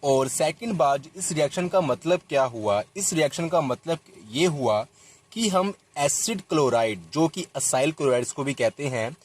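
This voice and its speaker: A man's voice: on the high side, expressive, moderate pace. A young man teaching a chemistry lesson, talking straight to his students and stopping to correct himself as he writes formulas. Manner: addresses students directly, repeats and self-corrects while writing. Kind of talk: chalk-talk lesson explaining a reaction.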